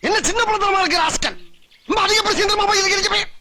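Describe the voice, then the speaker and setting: A man's voice: extremely high pitch, fast, heavy background noise. A man playing a grumpy scolding man. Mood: irritated. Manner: scolding, sarcastic.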